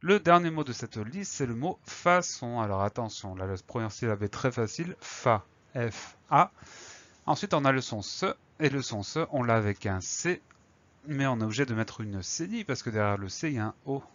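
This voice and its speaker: A man's voice: mid-range voice, animated, moderate pace, a bit bright, dull audio. Patient male teacher spelling words aloud. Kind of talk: spelling lesson with dictation.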